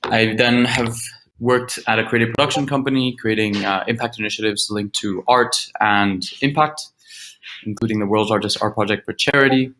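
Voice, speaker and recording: Man from Guatemala, lowish bright voice, steady pitch on a video call. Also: normal speed, poor audio. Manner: steady, listing points with fillers. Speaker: grant finalist presenting.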